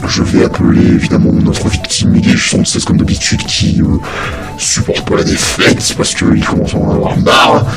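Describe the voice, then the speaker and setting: A man voicing a dark, mocking villain who hosts a video game challenge, taunting theatrically in a croaky growl. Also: sits low, heavily acted. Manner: taunting, theatrical, hesitant delivery. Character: dark male villain sneering at mortals and mocking his victim. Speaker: challenge host of a gaming video. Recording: loud music behind the voice.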